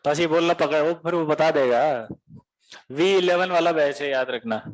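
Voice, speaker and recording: A man's voice: on the high side, moderate pace, no echo, poor audio. A man teaching a coaching class, teasing his students in a chatty lecture.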